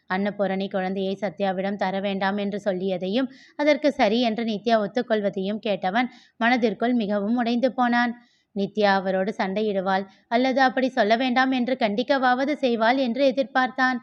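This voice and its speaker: A woman narrator reading a novel aloud with steady, expressive storytelling. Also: mid-range voice. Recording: dull lo-fi.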